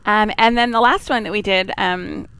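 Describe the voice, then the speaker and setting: Female game stream host: mid-range, clean smooth tone, chatty unscripted delivery that pokes fun at herself. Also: medium pitch, steady tone, moderate pace, a bit bright. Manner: chatty, self-deprecating. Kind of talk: casual, unscripted stream chat.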